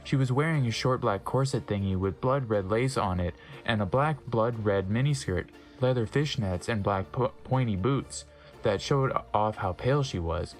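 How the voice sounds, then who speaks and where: Soft music plays behind a man whose fairly low voice narrates fan fiction at normal speed, played for dramatic comedy. He keeps pausing for wry asides and stumbling over misspelled words, pointing them out as he goes.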